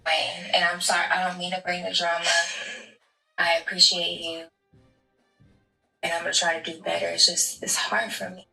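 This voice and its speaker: A woman roleplays a game character in a low, gravelly voice with a sharp, tense edge. She talks in an emotional, apologetic, halting way. Her voice comes from a distance in an echoey room with music playing behind her. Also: completely flat delivery. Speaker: roleplay gamer.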